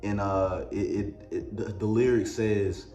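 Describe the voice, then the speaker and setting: Rambling Mississippi man with a low voice. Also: steady tone, a little slow, mellow, reverberant, faint music behind. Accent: Mississippi Southern US. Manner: rambling, crude joking asides. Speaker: music reviewer. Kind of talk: comedic album review vlog.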